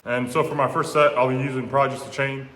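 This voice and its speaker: Young guy filming his workout, chatty, walks you through each step, boomy echoey gym sound. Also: flat delivery, fast talker, fairly bright tone, a little hiss or hum. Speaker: fitness vlogger. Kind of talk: casual workout vlog. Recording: echoey room with long reverb.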